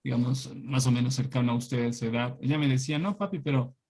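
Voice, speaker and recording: A man's voice: medium pitch, little pitch movement, fast, a little mellow. A middle-aged man from Ecuador teaching an online class, telling anecdotes in a chatty way and often asking "¿no?".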